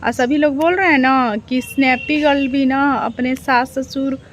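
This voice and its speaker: A woman's voice: sits high, fairly even intonation, a little slow, slight background noise. A woman reaction vlogger, chatting casually to her viewers, full of rhetorical questions and repeated phrases.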